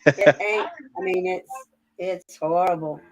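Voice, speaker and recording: A woman's voice: on the low side, a little slow, poor audio. Folksy woman in casual chat.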